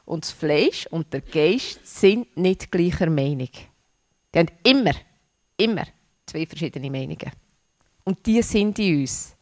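A woman's voice: fairly low pitch, animated, darkish tone, no room sound, clean studio sound. Earnest woman. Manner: earnest, unhurried, sometimes hesitant with restarts. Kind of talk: informal devotional talk.

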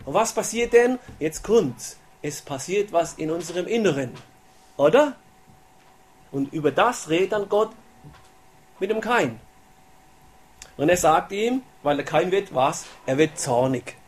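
A man's voice: on the high side, lively intonation, unhurried, long pauses. A man preaching a casual sermon, often asking his listeners "oder?" and acting out the voices of people in the Bible story.

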